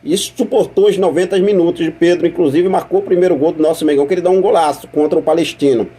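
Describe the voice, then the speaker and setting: Chatty Brazilian man with a husky voice. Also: a little high, steady tone, fast talker, warm tone. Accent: Brazilian Portuguese. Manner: chatty, repeats points, asks viewers questions. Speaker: football news channel host. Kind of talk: casual news commentary to camera.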